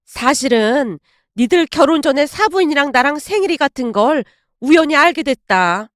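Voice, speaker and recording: A woman reads an older Korean-drama mother-in-law, pitched lower and pushed louder than the narration, slow and insistent. The recording is close and dry. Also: lively intonation, no room sound. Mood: pleading. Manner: scolding, then pleading and slow. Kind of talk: storybook drama reading.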